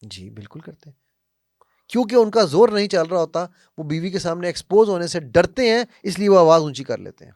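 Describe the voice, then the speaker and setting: A man's voice: high-pitched, sing-song, darkish tone, no echo, studio quality. A man giving an emphatic self-help talk on faith, often checking with "right?" and asking rhetorical questions, mixing English phrases into his speech. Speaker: motivational speaker.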